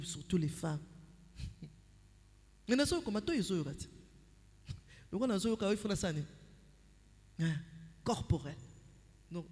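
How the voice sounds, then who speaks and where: A woman with a Congolese accent preaching at a couples' retreat, animated and acting out conversations with her husband, slipping into Lingala phrases. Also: lowish voice. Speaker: pastor speaking at a couples' retreat. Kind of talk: sermon. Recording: long hall reverb.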